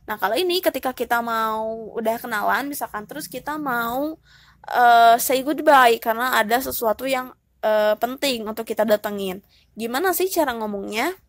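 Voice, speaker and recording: A young woman teaching an English lesson in a relaxed, chatty way, with lots of filler words. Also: fairly high pitch, normal speed, dry recording. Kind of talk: casual tutorial explanation.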